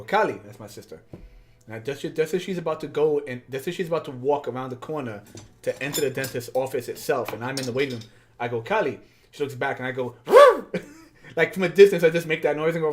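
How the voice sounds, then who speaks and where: A man's voice: medium pitch, a little mellow. Chatty man rambling while crafting. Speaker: craft streamer. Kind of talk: casual build-along chat. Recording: faint background music.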